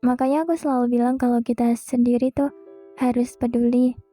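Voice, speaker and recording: Gentle young woman, soft and mellow. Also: fairly high pitch, level tone, brisk, faint music behind. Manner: gentle, reassuring, speaks directly to the listener. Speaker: podcast host. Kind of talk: soft comforting monologue.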